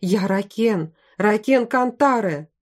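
A woman's voice: medium pitch, animated, takes it slowly. A woman voicing a loyal, emotional male general. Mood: pleading. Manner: urgent exclamations.

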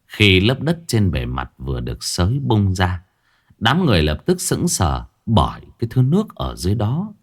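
A man's voice: sits low, huge pitch swings, normal speed, breathy edge. A man narrating a ghost story in a dramatic storytelling manner.

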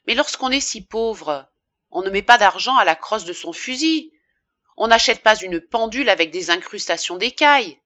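A woman's voice: medium pitch, lively intonation, unhurried, no room sound. A woman voicing a desperate young wife pleading with her former lover, in a dry audiobook reading. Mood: bitter reproach. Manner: pleading, rising and forceful when upset. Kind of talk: audiobook character voice.

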